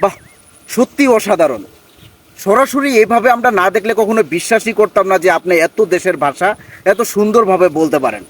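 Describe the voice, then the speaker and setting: A man acting as a presenter interviews a guest in formal standard Bengali and praises him. He's a journalist with a high, expressive, brisk voice.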